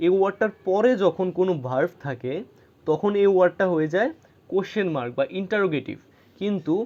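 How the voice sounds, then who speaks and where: Male grammar tutor, slightly high voice, patient explainer; lo-fi recording. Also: a little mellow. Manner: explains patiently, checks in with rhetorical questions. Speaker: English grammar teacher. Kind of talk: explaining grammar lesson to students.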